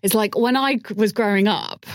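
A woman talking as a podcast guest in casual chat, animated and self-deprecating, often restarting her sentences. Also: mid-range voice, moderate pace, no room sound, clean studio sound.

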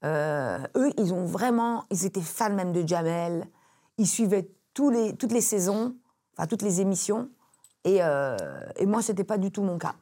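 A woman's voice: mid-range voice, moderate pace. A woman from Belgium, a comedian and podcast guest, tells a story with lots of energy. She acts out the voices of the people in it and laughs along as she goes, and her voice sits in the middle of the usual range. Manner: lively storyteller, acts out quotes, laughs often. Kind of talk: animated anecdote telling.

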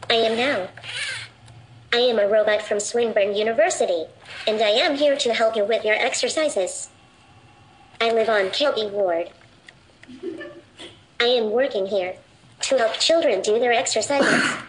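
A woman's voice: on the high side, slight background noise, rough recording. A synthetic text-to-speech woman's voice voicing a friendly female robot who coaches children through their exercises.

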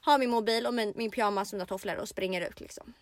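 A young woman co-hosting a podcast, telling a dramatic story in casual chat and acting out quotes loudly. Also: mid-range voice, fairly even intonation. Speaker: podcast co-host.

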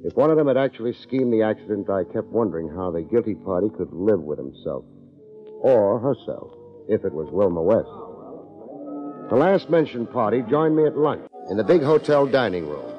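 This is 1950s radio drama narration: a man with a lowish voice plays a hard-boiled detective at normal speed, terse and clipped, his pitch swinging widely. The dull recording comes from an old broadcast with music behind it.

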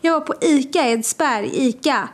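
A young woman from Sweden, co-hosting a podcast, telling stories in casual chat and acting out what people said. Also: high voice. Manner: lively storyteller, acts out quotes. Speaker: podcast co-host.

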